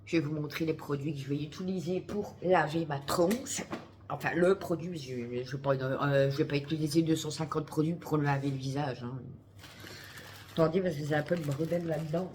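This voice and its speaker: A woman's voice: low voice, fairly even intonation, normal speed, noisy background. A woman vlogging in casual chat to camera, chatty and swearing freely, talking through a headset.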